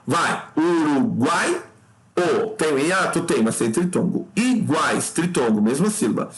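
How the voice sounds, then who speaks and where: An exam review lesson taught by a man from Brazil, who takes the listener through the answers one by one. Frequent "tá?" asides and the address "cara" pepper his explanations, and his pitch springs up lively on key points.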